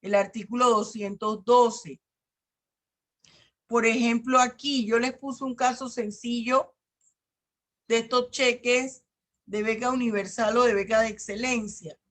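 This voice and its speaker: A middle-aged woman with a Panamanian Spanish accent lectures on law at an unhurried pace. Her voice sits a little high as she reads legal articles aloud and explains them with everyday examples. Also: steady tone, fairly bright tone. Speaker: law professor.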